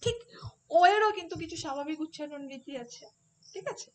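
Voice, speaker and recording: A woman teaches an online exam-prep class in a fairly high voice. She explains each point step by step and keeps asking rhetorical questions. Faint noise sits under her voice. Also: a little fast.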